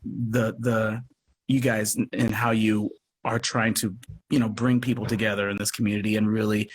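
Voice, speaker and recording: A man on the low side delivers his words flatly at a moderate pace. He's a radio play producer guesting on a noisy livestream interview call, casual in manner but earnest and effusive, regularly circling back over his phrases.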